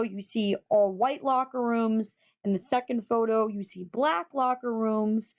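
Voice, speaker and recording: A woman's voice: a little high, darkish tone. A woman narrating a photo presentation, enthusiastic and often repeating words for emphasis. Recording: dull lo-fi recording.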